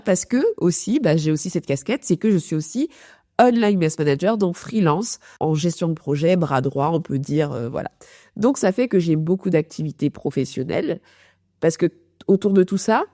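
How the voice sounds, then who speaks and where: Female podcast host, low and warm, in casual direct-address talk, with a robotic digital artifact on the voice. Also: no echo, studio quality. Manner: chatty, addresses the listener directly, loose restarts. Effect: robotic digital glitch on the voice. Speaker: podcast host and productivity coach.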